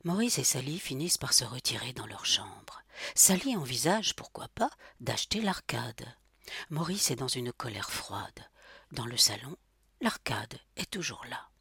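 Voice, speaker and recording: Lectrice de livre audio, voix voilée, son très sec, ton mesuré. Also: female voice, extremely low pitch, slightly rough, dry recording, clean studio sound. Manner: steady, measured narration. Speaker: narrator. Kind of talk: audiobook story reading.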